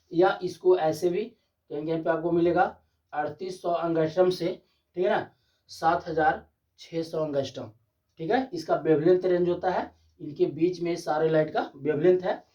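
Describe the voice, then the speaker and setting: A man's voice: fairly high pitch, mellow. Man teaching physics, distant dull sound. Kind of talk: classroom lecture. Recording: dull distant classroom recording.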